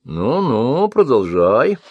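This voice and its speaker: A man's voice: mid-range voice, big pitch swings, slow pace, breathy edge, lo-fi sound, full character voice. A man voicing a curious sorcerer who coaxes a storyteller to go on. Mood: eager. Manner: eager, coaxing. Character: curious male sorcerer, eager listener.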